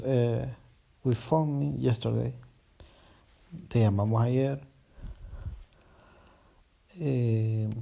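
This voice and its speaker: A man teaching an English grammar lesson in Spanish, going slowly, repeating words and correcting himself as he explains. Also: mid-range voice, vocal fry, dark tone. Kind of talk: recorded classroom lesson.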